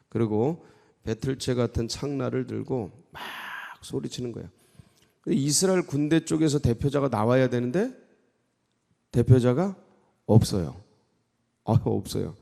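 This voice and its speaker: A male pastor giving a dawn sermon, retelling the story in an animated way with frequent prompting asides to the congregation. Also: medium pitch, gravelly. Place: church sanctuary. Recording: long church reverb.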